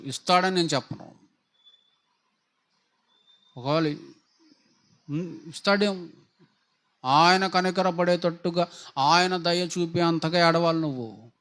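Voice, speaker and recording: A man's voice: sits high, bright, forceful tone. A man preaching a sermon, pressing his listeners with rhetorical questions and fervent appeals. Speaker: pastor. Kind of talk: Telugu sermon.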